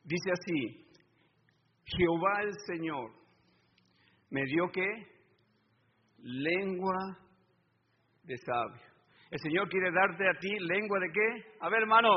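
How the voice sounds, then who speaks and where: A male preacher giving a sermon, asking his congregation call-and-response questions and swelling to loud emphatic stretches. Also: fairly high pitch. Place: church hall. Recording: reverberant hall, dull lo-fi sound, faint noise.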